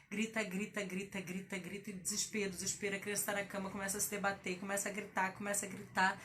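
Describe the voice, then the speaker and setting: A woman, a mother, chatting casually to camera in a parenting vlog, animated and repeating words for emphasis. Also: a little high, slight background noise. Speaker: mother vlogger.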